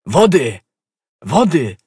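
A man playing an ardent young male musketeer, a desperate lover who exclaims loudly and urgently. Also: medium pitch, animated, unhurried, slightly rough, no echo, clean studio sound, voice pushed up.

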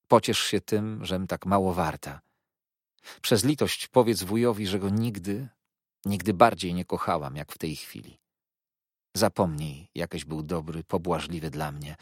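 A man's voice: deep voice, no echo, clean studio sound. Remorseful farewell letter read aloud by a man. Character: remorseful young woman writing a farewell letter. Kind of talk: audiobook letter reading.

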